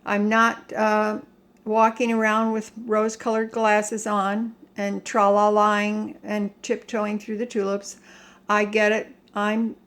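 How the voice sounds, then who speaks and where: An older American woman giving a casual rant to viewers in a halting, emphatic, plain-spoken way. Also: mid-range voice, monotone, fairly bright tone. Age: older, 60s or above. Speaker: home vlogger. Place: home kitchen.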